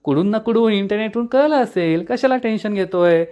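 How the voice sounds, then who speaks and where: A man's voice: high voice, brisk, clear, resonant tone, highs cut off, pitched above the performer's own voice, natural voice. A man reading the lines of a cheeky, joking young man in a retold story. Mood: joking, breezy. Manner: playful, reassuring.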